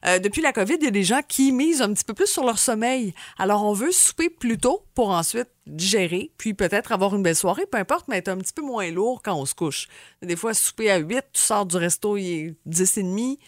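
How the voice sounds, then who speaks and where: A woman's voice: mid-range voice, animated, fairly quick, no room sound, clean studio sound. A woman with a Québécois accent co-hosting a radio show, chatty and teasing with her partner. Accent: Québécois French. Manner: chatty and teasing, laughs easily. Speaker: radio co-host. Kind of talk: casual radio chat.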